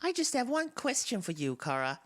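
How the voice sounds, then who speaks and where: A woman's voice: on the high side, sing-song, moderate pace. Flowey, a sinister, wistful talking flower acted by a woman. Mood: weary, intense. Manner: confiding, theatrical, swinging between wistful and menacing. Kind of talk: dramatic monologue in a game fan dub. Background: game soundtrack music.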